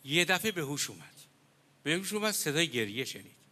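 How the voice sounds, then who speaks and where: A male preacher from Iran tells a mourning story in an impassioned sermon. His voice sits somewhat high and sounds bright and forceful as he acts out the dialogue and swells into lament. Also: very animated. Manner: impassioned, quotes figures in dialogue and builds to loud lament. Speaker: preacher reciting a mourning narrative.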